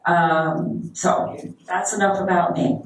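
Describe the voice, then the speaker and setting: An older woman from Texas introducing herself on a panel, warm and a bit rambling. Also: fairly low pitch, lively intonation, takes it slowly. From Texas, USA. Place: large event hall. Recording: echoey hall, distant mic.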